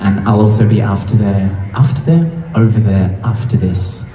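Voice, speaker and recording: A musician chatting loosely and gratefully to a crowd between songs at an outdoor concert, heard through the stage speakers. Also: male voice, fairly low pitch, normal speed, warm tone. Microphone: stage vocal mic through PA. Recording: distant, echoey live PA sound with music.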